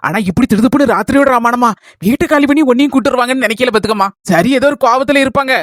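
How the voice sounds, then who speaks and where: A woman acting a motherly village woman in a comedy skit, with a Kanyakumari Tamil accent, calmly explaining. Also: a little high, rapid-fire, no room sound, lightly acted. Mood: coaxing. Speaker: skit actress.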